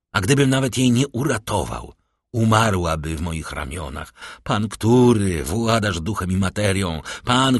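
A man's voice: deep voice, husky, no room sound, studio quality. A man reading the part of a desperate young man who pours out grief and rage in an audiobook. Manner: impassioned, rising to outbursts.

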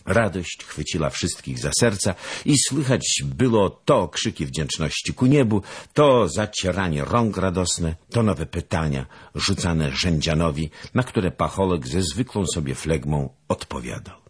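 A man narrating a classic novel in a measured, even reading. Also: low-pitched, husky. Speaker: audiobook narrator.

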